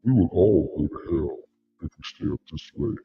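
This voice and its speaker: A man using a pitched-down voice changer to make a solemn, mock-ominous pronouncement. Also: lively intonation, moderate pace, gravelly, dull audio, soft background music.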